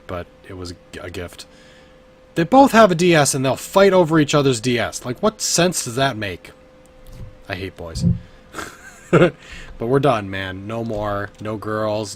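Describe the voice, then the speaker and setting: A man in his thirties, a bit drunk, giving rambling, profane live commentary while playing a game from his bedroom. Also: on the low side. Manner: rambling, swearing, laughing often. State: tipsy from drinking. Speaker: streamer. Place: home bedroom.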